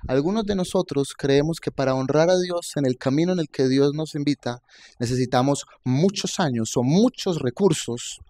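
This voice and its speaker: Guy preaching, kinda higher voice, chatty sermon, keeps asking the crowd questions. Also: moderate pace, warm tone. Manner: conversational preaching, rhetorical questions to the congregation; rises to emphatic peaks on key points. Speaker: pastor.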